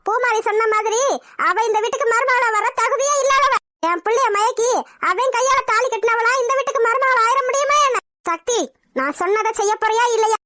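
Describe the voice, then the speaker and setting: A woman's voice: extremely high pitch, fairly quick, bright, forceful tone. A woman voicing a proud, domineering middle-aged mother in a cartoon, ranting scornfully. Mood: demanding. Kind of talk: cartoon voice acting.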